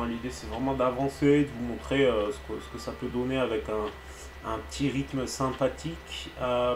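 A man with a French accent, hosting a live painting stream in a relaxed, chatty way and often pausing with hesitant fillers. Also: medium pitch, echoey room, a little hiss or hum.

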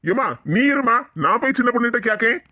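A woman's voice: a little high, quick pace, very noisy, lightly acted. A woman voicing a fretful placating brother. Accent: Tirunelveli Tamil. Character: harried grown son and brother, placating.

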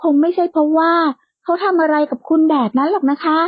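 Woman doing a polite, gentle young woman. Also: high-pitched, fairly even intonation, fast, no room sound, pitched above the performer's own voice, natural voice. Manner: polite and soft-spoken, easily startled. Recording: dull lo-fi dry recording.

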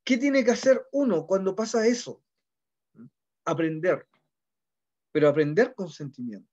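A Chilean-accented, middle-aged literature teacher speaks to his class in a slightly mellow, somewhat high voice, keeping the lecture conversational. He repeatedly checks in with a "¿ya?" to see whether students understand. The sound quality is dull and lo-fi.

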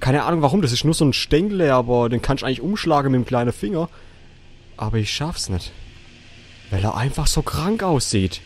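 A man's voice: mid-range voice, big pitch swings, fairly quick. A young man doing casual horror game commentary, swearing a lot and shrieking at the scares. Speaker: let's play gamer. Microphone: facecam setup, desk mic.

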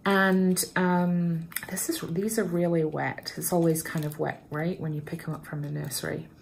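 Chatty woman with a low, gravelly voice. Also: level tone, normal speed, slight background noise. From Canada. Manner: chatty, bubbly, self-deprecating. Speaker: plant vlogger. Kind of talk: casual chat while repotting plants. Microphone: camera propped in front of her.

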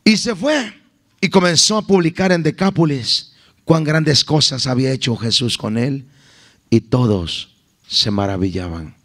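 A man's voice: medium pitch, unhurried, fairly bright tone. A man preaching a sermon as a guest evangelist at a church service, impassioned and calling out to his listeners as beloved brothers.

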